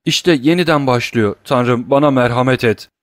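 A man's voice: lowish voice, steady tone, normal speed, dry recording, studio quality, close to an everyday voice. A man voicing a dying old male servant who gasps and pleads in agony. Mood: pleading. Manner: gasping, pleading, anguished.

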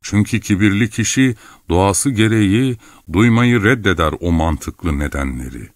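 A man's voice: on the low side, animated, normal speed, dry recording, clean studio sound, close to an everyday voice. A man voicing a stern, solemn old hermit who speaks in a grave, preaching tone.

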